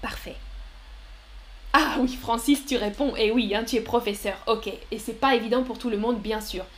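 A woman's voice: a little high, fairly even intonation, moderate pace. A woman teaching French on a live stream, patiently explaining grammar with examples and often praising viewers' answers. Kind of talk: live-stream language lesson answering chat.

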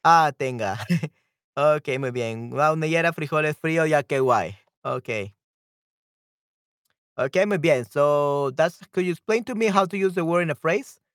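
A man's voice: a little high, fairly bright tone, smooth, no echo. Upbeat man teaching phrases, dry close sound. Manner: cheerful, laughs often, repeats phrases slowly for learners. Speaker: language teacher hosting a live stream. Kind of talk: bilingual live-stream language lesson.

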